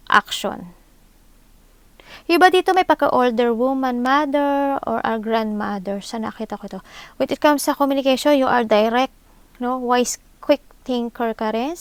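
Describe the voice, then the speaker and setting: A Filipina tarot reader with a Filipino accent does a live reading into her own microphone, thinking aloud and mixing English into Tagalog. Her voice is a little high, gravelly yet smooth, on a dry recording, and she keeps seeking agreement with short tag questions.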